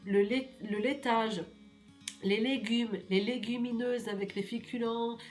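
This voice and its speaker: A woman from Normandy with a hoarse voice from a cold, chatting casually and reassuringly to her viewers about a weekly menu, with many fillers and repeats. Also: fairly high pitch, steady tone, a little slow, darkish tone, faint music behind. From Normandy, France. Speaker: weight-loss menu vlogger.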